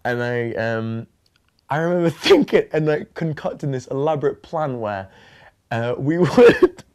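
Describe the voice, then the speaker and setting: In an interview, a young northern English man looks back on his childhood with an animated, slightly mellow, clean-toned voice at medium pitch. His speech is rambling and halting, packed with fillers, with sudden spurts of fast talk.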